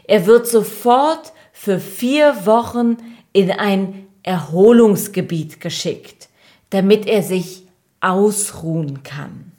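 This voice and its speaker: Lady doing a caring doctor in a kids story, super slow, gentle. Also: medium pitch, close to an everyday voice. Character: farmer and doctor, kindly adults. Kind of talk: children's audio story.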